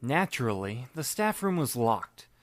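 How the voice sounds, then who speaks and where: A young man reads as narrator and lead voice, telling things in the first person with dry, wry understatement and quiet asides. His mid-pitched delivery is sing-song and measured, recorded close and dead with no room sound at all.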